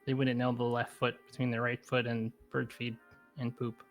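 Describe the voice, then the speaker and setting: A man's voice: medium pitch, completely flat delivery, normal speed. Man, tabletop player, urgent and jokey, faint music under. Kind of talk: casual tabletop game play.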